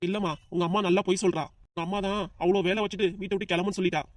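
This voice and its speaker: A woman voicing a calm, coaxing elderly grandfather who keeps the peace in a family cartoon. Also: medium pitch, racing, natural voice. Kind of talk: cartoon dub acting.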